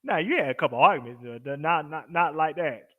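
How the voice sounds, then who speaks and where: A man's voice: on the high side, animated, fairly quick, phone-quality sound. A man co-hosting a casual sports stream, easygoing and hesitant with fillers. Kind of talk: casual live-stream chat.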